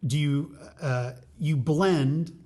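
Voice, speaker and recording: A man's voice: a little high, extremely slow, darkish tone. An American man hosting a casual interview, chatty and joking as he encourages his guest. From United States. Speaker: host.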